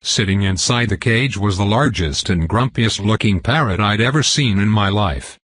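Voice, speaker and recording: A man's voice: on the low side, moderate pace, a bit bright, husky, no echo. A man narrating a comedic fantasy audiobook in the first person, wry and profane.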